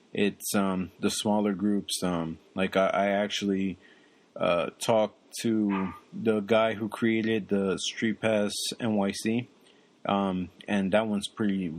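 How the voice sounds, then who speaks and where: A young man talks casually as a podcast co-host. His voice sits low, and he rambles along, filling pauses with ums and uhs. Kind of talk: casual chat.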